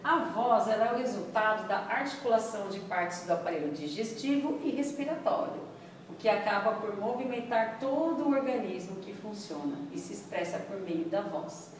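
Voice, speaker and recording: A woman's voice: medium pitch, expressive, moderate pace, a little hiss or hum. Echoey woman teaching a class. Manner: conversational, checks in with listeners often. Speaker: instructor. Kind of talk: classroom lecture. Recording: echoey room, far from mic.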